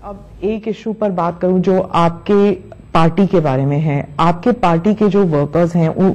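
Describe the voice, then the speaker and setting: A woman interviewer asking long, winding questions, often pausing with hesitations. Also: fairly low pitch, a little mellow, highs cut off.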